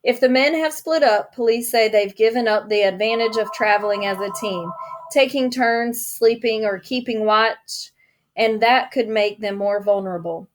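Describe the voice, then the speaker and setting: Woman voicing a news anchor, measured even delivery, audiobook read, fairly high voice. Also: close to an everyday voice. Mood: serious. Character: adult news anchor reading a crime report. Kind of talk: audiobook reading of a news report.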